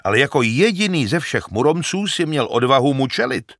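Loud, eager old shepherd in a storybook, read by a man, lively voice, gravelly edge, dry sound. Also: medium pitch, dry recording, voice pushed up. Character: excitable old male shepherd, talkative. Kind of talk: audiobook character reading.

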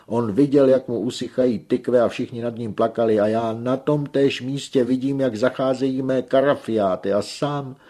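A man voicing a desperate, lovesick young peasant who pleads loudly and tearfully. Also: mid-range voice, fairly even intonation, hardly any pauses, natural voice. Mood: desperate pleading.

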